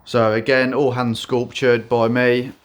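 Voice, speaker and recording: A man showing his custom motorbike in a casual vlog, speaking in a self-described monotone with many fillers and restarts. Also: mid-range voice, a little slow.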